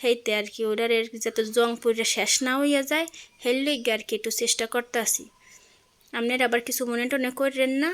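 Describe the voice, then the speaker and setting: Chatty young woman with a Barishal accent. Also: a little high. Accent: Barishal dialect of Bengali. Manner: chatty, keeps checking in with the viewer. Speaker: vlogger; mother of young children. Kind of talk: casual home vlog chat.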